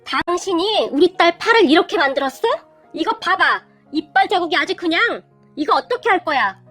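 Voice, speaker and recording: A woman voicing an angry middle-aged in-law mother who makes excited demands. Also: very high voice, normal speed, faint music behind, voice pushed up. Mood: agitated.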